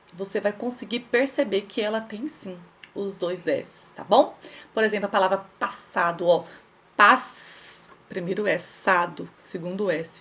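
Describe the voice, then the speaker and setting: A woman teaching young children in a recorded lesson, patiently spelling out words and asking questions she answers herself. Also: medium pitch. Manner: patient, explains slowly and spells things out, asks questions and answers them herself. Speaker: primary school teacher.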